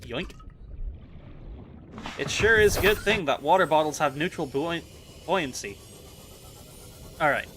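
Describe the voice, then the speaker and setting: A man's voice: fairly high pitch, lively intonation, normal speed, long pauses, pushed and bright, slight background noise. A man giving casual gameplay commentary, chatty and self-mocking as he thinks aloud. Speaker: gaming video host.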